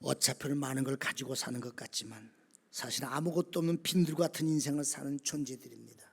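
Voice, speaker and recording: A male pastor preaching a sermon, swinging from quiet talk to shouted calls and often asking the congregation questions. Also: mid-range voice, quick pace, gravelly, husky. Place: church sanctuary.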